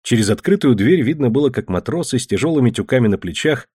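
Man, husky voice, lively intonation, audiobook narration, dry close sound. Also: medium pitch, quick pace, dry recording. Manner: expressive storytelling reading.

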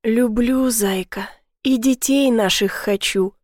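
A woman's voice: a little high, takes it slowly, darkish tone, dry recording, clean studio sound. A woman voicing a loving but blunt adult husband who swears when upset. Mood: tender.

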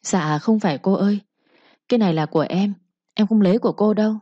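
A woman's voice: mid-range voice, brisk, dark tone, no room sound, lo-fi sound, close to an everyday voice. A woman voicing a young servant girl who answers her mistress humbly and pleads with her. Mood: wheedling.

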